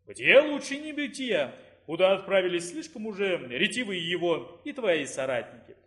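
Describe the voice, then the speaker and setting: A man reading the part of an imperturbable rector in an audiobook, speaking calmly and firmly. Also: high voice, moderate pace. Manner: calm, unruffled.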